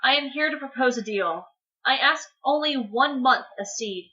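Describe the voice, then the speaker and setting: Woman doing a soft-spoken loving underworld god, low and even, hushed lines, dull lo-fi sound. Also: moderate pace. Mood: calm. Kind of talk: dramatic story reading.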